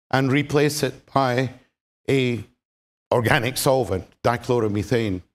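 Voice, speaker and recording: A man with a Scottish accent giving a public science lecture, measured and explanatory, with frequent ums and dry humor. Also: mid-range voice. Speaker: chemistry lecturer.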